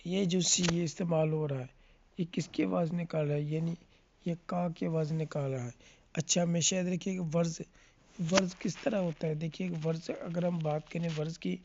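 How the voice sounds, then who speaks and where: Flat-voiced teacher explaining letter sounds. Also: mid-range voice, lo-fi sound, background noise. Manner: asks questions and answers them, often checks in with the listener. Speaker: English phonics teacher.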